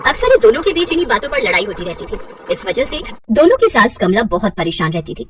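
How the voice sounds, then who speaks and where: A woman narrating a scripted cartoon story in an even storytelling manner. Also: fairly high pitch, quick pace, slightly rough, distant mic.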